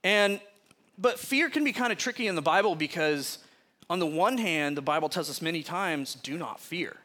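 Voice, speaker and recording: A man with a rather high, bright and forward voice preaches in an easy, conversational way. He tells stories with lots of energy and laughs as he goes. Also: moderate pace. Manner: animated, chatty storyteller who often laughs mid-sentence. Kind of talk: casual sermon with personal storytelling.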